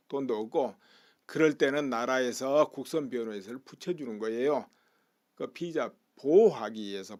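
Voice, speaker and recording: A man in the middle of his pitch range talks through a legal news story in a plain, methodical way. He keeps asking the listener rhetorical questions. His voice is recorded close and dry, with no room sound. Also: darkish tone, dry recording. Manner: explanatory, poses rhetorical questions. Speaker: political commentator. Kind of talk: news commentary monologue.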